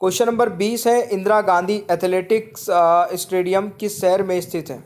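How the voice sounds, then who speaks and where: High-voiced man reading quiz answers. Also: steady tone, normal speed. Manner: repeats each question, addresses viewers as friends. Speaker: quiz teacher. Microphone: voice-over on screen slides.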